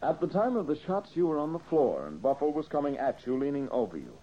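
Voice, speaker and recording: Heard on a muffled old radio recording with a little hiss or hum, a fairly high-pitched male voice swings widely in pitch at a quick pace. It's an actor playing a self-assured, methodical detective from an old-time radio mystery, emphatically explaining his case in an accusing tone.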